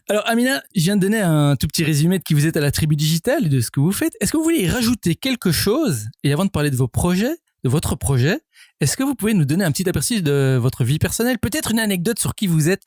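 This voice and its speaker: A man's voice: high voice, very animated, fast talker, darkish tone, dry recording, clean studio sound. A man hosting a business podcast interview, enthusiastic and upbeat in his questions. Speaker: podcast host.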